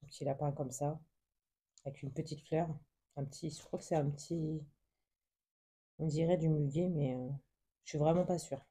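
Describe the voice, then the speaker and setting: A woman vlogger showing a book haul in casual show-and-tell, soft and hesitant, full of fillers and gushing over every little picture. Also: sits low, steady tone, normal speed, long pauses, husky. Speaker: craft vlogger.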